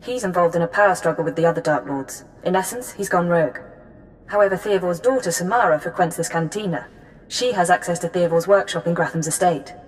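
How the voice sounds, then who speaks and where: A woman's voice: on the low side, brisk, slight background noise, close to an everyday voice, poor audio. An actress playing an efficient intelligence handler, clipped and businesslike as she briefs. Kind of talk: scripted game dialogue.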